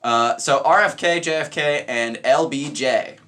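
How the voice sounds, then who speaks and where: A man's voice: mid-range voice, unhurried, bright, forceful tone. A young man hosts a college radio show from a campus studio. He talks casually and cracks jokes as he retells history. He slips into playful voices for the figures he quotes. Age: young adult. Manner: joking, acts out quoted figures. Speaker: college radio podcast host.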